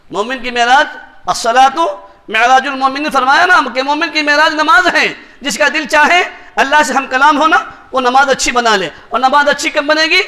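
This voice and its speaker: A man's voice: very high-pitched, sharp tone. A man with an Indian Urdu accent giving a sermon, as a mufti preacher who keeps asking rhetorical questions and tagging lines with short checks to his listeners. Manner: rhetorical questions, repeated tag questions.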